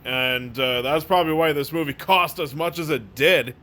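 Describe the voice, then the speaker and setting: A man's voice: fairly high pitch, normal speed, bright, forceful tone. A man giving a casual, sarcastic movie review, blunt and full of swearing. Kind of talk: casual profane review monologue.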